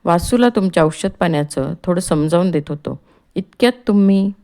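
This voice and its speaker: A woman's voice: on the low side, expressive, moderate pace, dark tone. A woman reading the part of a male doctor who firmly tells his patient to rest. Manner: firm, admonishing. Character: calm male doctor, firm, reassuring.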